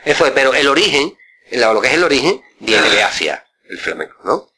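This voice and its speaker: A man's voice: mid-range voice, sing-song, a little fast, sharp tone, husky. An older man, a flamenco guitarist, reminiscing casually in an interview, rambling and repeating words with many tag questions.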